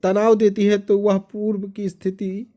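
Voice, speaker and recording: A teacher reading exam-prep notes aloud, repeating each point as a question and then answering it. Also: male voice, high-pitched, little pitch movement, measured pace, warm tone.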